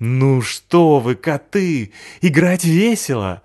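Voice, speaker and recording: Reading a children's storybook, a man voices a boisterous male malamute, high-pitched and loud, shouting and barking. The excited dog bounces with carefree energy and never sits still, though the delivery is slow.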